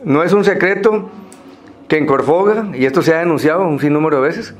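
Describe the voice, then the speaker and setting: A Costa Rican man speaking semi-formally to a group, explaining things in a halting way with pauses and repeated words. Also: fairly high pitch.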